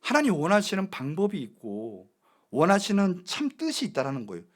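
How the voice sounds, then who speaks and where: High, lively-voiced male pastor preaching. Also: a little fast. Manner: emphatic preaching with rhetorical questions to the congregation. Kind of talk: sermon. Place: church sanctuary.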